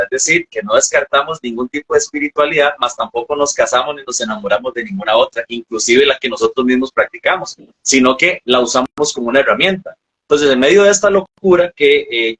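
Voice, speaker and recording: A man's voice: fairly high pitch, bright, forceful tone, slightly rough, poor audio. A man hosting a casual interview chat, hesitant with many fillers. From Costa Rica. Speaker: host.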